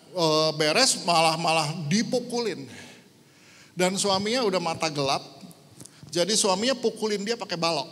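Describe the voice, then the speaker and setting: A middle-aged man from Indonesia preaching a sermon as a pastor, telling a story and dropping English phrases into his talk. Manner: storytelling, lively swings in pitch and loudness, mixing in English phrases. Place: church hall. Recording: church hall with long reverb.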